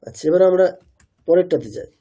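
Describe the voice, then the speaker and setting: Mellow-voiced man teaching pronunciation. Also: high-pitched, fast, breathy edge. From India. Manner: asks students questions and repeats answers; demonstrates sounds by repeating syllables. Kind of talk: online class lecture.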